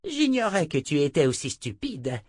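A man's voice: fairly high pitch, very animated, normal speed, darkish tone, no echo, clean studio sound, pitched above the performer's own voice. A man reading an audiobook, voicing an old female seer who speaks coldly and imperiously. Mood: contemptuous. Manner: cold, cutting, imperious. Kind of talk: audiobook character voice.

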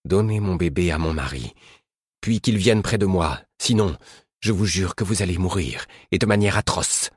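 A man's voice: deep voice, moderate pace, breathy edge, dry recording, studio quality. A man reading an audiobook voices a fierce mother threatening her enemies, menacing and at times coaxing. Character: fierce mother beekeeper woman, defiant and threatening. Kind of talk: audiobook character voice.

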